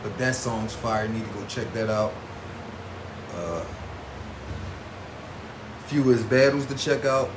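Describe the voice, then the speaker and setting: A man's voice: lowish voice, measured pace, long pauses. A man giving casual vlog commentary as a host, in informal, slangy speech with emphatic repetition. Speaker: host reviewing battle rap artists. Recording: roomy echo with clear background noise.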